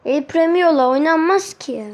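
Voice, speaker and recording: High-voiced woman grumbling over gameplay. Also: moderate pace, darkish tone. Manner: grumbling, repeats words while playing. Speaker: gaming video host. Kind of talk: live gameplay commentary.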